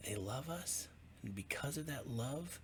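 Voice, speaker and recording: With slight noise in the background, a male pastor narrates a children's bedtime story. He speaks at a mid-range pitch, choosing his words carefully, in a soft and expressive manner.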